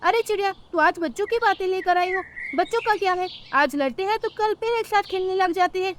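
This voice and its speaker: Woman voicing a scheming mother crow, high-pitched, scolding, dismissive, cartoon. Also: a little fast, a little hiss or hum.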